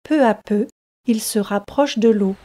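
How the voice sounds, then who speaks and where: A woman narrating a story for language learners in a calm, evenly paced, scripted reading. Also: mid-range voice, moderate pace.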